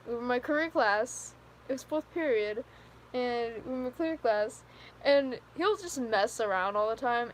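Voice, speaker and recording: A woman's voice: on the high side, a little hiss or hum. A fifteen-year-old girl chatting on a live stream, telling rambling stories with lots of giggles and fillers. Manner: giggly, rambling storyteller with many "like"s. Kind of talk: casual live stream chat with viewers.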